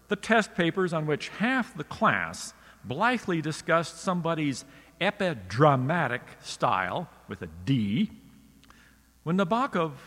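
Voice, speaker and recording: A man's voice: mid-range voice, fairly bright tone, in a large hall. A man, a writer, giving a scripted radio lecture in a wry, literary storytelling manner.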